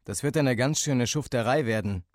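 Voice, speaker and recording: A gruff, blunt father with a firm, no-nonsense delivery, as read by a man. The voice stays close to a plain male reading voice, a little louder and harder. The sound is dry and close. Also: medium pitch, moderate pace, no room sound, natural voice. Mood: matter-of-fact. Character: gruff stern father, middle-aged.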